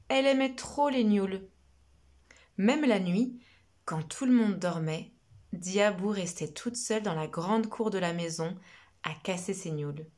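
A woman telling a children's story in an expressive storytelling voice. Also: lowish voice.

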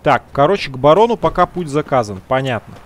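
Here a let's play gamer with a slightly high, very animated voice talks to his viewers as "guys" in slangy, casual commentary. As he plays, he mutters to himself and muses in a drawn-out way.

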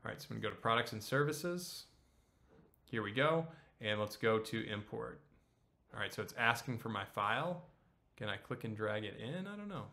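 Bright-voiced man walking through software. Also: on the low side, lively intonation, normal speed, vocal fry. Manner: casual, explanatory, frequent "okay?" check-ins. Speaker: accounting instructor. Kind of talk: screen-share software tutorial.

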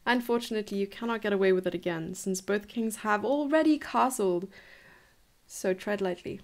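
Young woman coach from South Africa, chatty streamed chess lesson, a bit of fry in the voice. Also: medium pitch, moderate pace. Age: 20s. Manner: chatty, enthusiastic, laughs and muses aloud. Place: home room, indoors.

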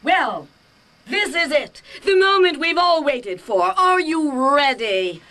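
A woman's voice: sits high, big pitch swings, sharp tone, full character voice. A woman playing a gloating cartoon villainess, theatrical and haughty, drawing her words out in mockery. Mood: triumphant. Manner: haughty, drawn-out mocking delivery. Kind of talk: cartoon voice acting. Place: recording studio booth. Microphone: studio microphone.

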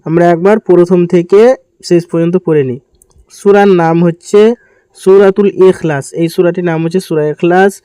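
A man teaching Quran recitation step by step, chanting verses slowly and patiently repeating syllables for learners. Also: high-pitched, fairly even intonation, warm tone, smooth, no room sound, low-quality recording. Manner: slow drawn-out chanting of verses between quick explanations.

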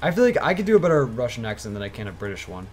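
Young man rambling in lively gaming banter. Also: mid-range voice, racing. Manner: rambling, heavy use of "like". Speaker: streamer. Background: faint game music.

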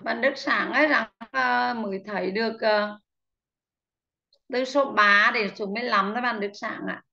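Woman teacher on a video call, slow and patient, bright voice with some fry, bit muffled audio. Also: on the high side, fairly even intonation. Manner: patient, repeats words slowly and calls on students by name. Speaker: English teacher. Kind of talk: online class, drilling vocabulary pronunciation.

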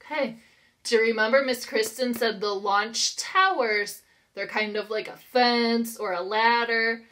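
An unhurried, slightly high, somewhat bright voice belongs to an American woman in her thirties. As a preschool teacher, she's doing an interactive read-aloud for young children, using easy, encouraging words and questions.

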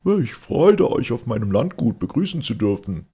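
An agitated gentleman, voiced by a man reading aloud pushes his voice up high and loud in a storybook reading, sarcastic and snorting. Under the strain the tone stays low and gravelly. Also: big pitch swings, normal speed, exaggerated voice.

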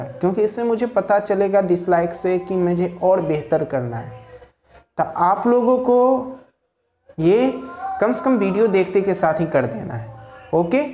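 A man's voice: sits high, darkish tone. A man teaching a spoken language lesson at home, asking rhetorical questions and repeating his key points. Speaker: English teacher. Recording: roomy echo, faint ambient noise.

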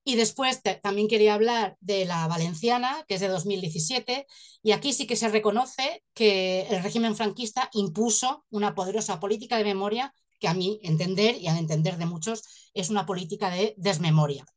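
A woman's voice: medium pitch, a little fast. Young Spanish woman presenting on a call. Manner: polite, hesitant restarts. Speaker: seminar speaker. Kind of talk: formal presentation. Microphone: laptop webcam on a video call.

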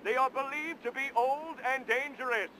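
A very high-voiced stern police captain. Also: male voice, normal speed, bright, forceful tone, slight background noise, low-quality recording. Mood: commanding. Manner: commanding announcements.

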